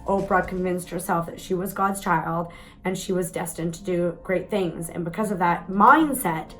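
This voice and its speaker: A woman's voice: fairly low pitch, poor audio. Chatty woman vlogger, candid. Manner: chatty, candid, mild swearing. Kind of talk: casual storytelling to camera.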